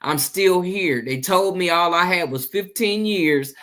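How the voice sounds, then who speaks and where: A woman in her seventies chatting casually as a guest, animated and quick to exclaim and laugh. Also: fairly low pitch. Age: 70s. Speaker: guest caller on a live chat. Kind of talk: casual chat.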